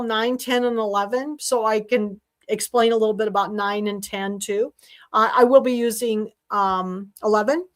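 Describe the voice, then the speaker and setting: A woman with a fairly high voice hosts a casual sewing livestream from her desk mic. She talks in a rambling, chatty way, full of fillers and restarts. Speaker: sewing class host. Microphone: desk mic while streaming.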